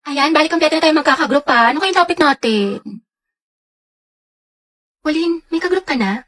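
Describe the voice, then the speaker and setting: High-voiced woman in a comedy skit. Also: normal speed, fairly bright tone. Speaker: skit performer.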